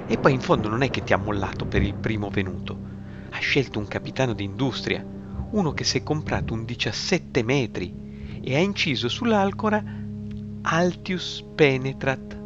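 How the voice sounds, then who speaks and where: A man's voice: mid-range voice, expressive, normal speed, lightly acted. A man reading a story aloud, voicing a brash, muscular male drinking buddy who works as a skipper and talks in a blunt, joking way. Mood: boastful. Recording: slightly muffled, music behind.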